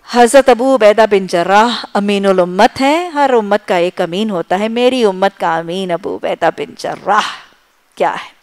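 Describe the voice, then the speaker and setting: A woman preacher giving an impassioned sermon, building rhythmic lists of short phrases and dropping to soft, low asides. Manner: swings between loud emphasis and soft low asides. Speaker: Islamic preacher.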